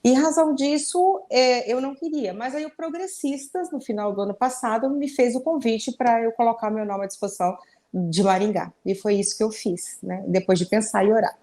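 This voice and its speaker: A woman's voice: a little high, fairly quick, mellow. A woman in her fifties from Brazil, a mayoral candidate answering interview questions earnestly, often tagging sentences with a questioning "né?" and restarting phrases. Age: 50s. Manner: earnest, with frequent "né?" tags and restarts.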